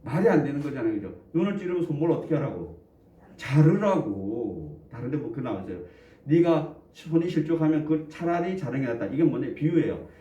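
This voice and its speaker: A man's voice: a little high, lively intonation, quick pace, warm tone. A man preaching a sermon in a conversational way, often putting questions to the congregation and joking between points. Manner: jokes and chuckles between points. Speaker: pastor. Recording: echoey room, distant dull mic.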